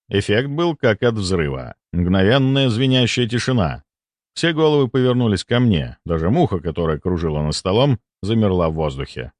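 A man reads a first-person audiobook with dramatic, expressive delivery. His pitch swings widely as he narrates. The close studio recording is dry, with no room sound. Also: no echo.

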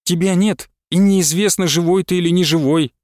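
A man's voice: high voice, steady tone, normal speed, a little mellow, dry recording, clean studio sound, close to an everyday voice. A man reading aloud and voicing a young village wife who pleads and cries out in anguish. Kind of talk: audiobook character reading.

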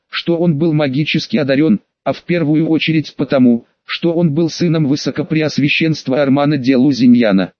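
A man narrating a fantasy audiobook with a steady, even reading. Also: a little high, no room sound, dull audio.

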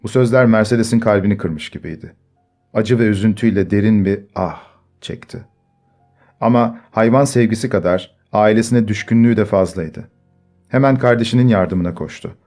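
Low-voiced male storybook narrator. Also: darkish tone. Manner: measured storytelling. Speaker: audiobook narrator. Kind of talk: scripted narration. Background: faint music.

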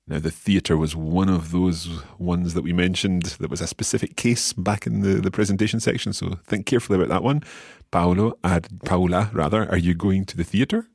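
A man hosting a language lesson, encouraging his student and gently coaxing her through each answer. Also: low-pitched, a little fast, creaky, husky, dry recording, clean studio sound. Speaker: Italian teacher hosting lesson.

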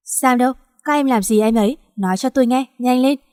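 A woman's voice: high voice, brisk, a little mellow, dry recording, studio quality, big-room sound, lightly acted. A woman voicing a possessive young male teacher who is hot-tempered and teasing. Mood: urgent.

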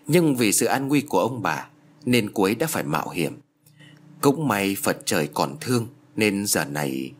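A man voicing a solemn old male spirit messenger who speaks in a measured, grave way. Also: on the low side, sing-song.

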